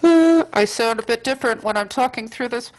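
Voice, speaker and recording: A woman's voice: on the high side, a little fast, rough recording. Woman talking through a pipe. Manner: chatty, hesitant with fillers. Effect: voice heard through a pipe. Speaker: sound art teacher. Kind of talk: casual demonstration.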